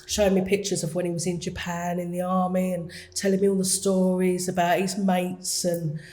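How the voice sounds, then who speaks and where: Down-to-earth Essex woman, lower voice. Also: level tone, normal speed. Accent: Essex English. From Essex, England. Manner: down-to-earth, warm storytelling with hesitations. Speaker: guest artist. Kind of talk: casual interview chat.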